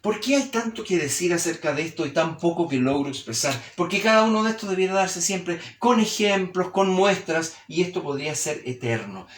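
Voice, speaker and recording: A man with a Chilean accent giving a reflective humanities lecture, expressive, shifting his tone and pace to demonstrate what he means. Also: high-pitched, fairly quick, few pauses, a little hiss or hum. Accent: Chilean Spanish. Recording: roomy echoey recording.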